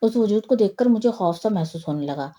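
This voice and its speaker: A woman reading a horror story aloud in a steady, low-key way. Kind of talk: scripted horror story narration.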